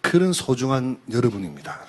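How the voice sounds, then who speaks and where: Husky Korean man preaching animatedly. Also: medium pitch. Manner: animated storytelling, pausing for the interpreter. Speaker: pastor. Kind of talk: sermon with live interpretation. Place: church sanctuary.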